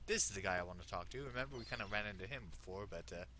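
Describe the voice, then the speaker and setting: A man's voice: lowish voice, racing, sharp tone, a little hiss or hum. A man hosting a let's play with casual, joking commentary, reacting aloud to the game.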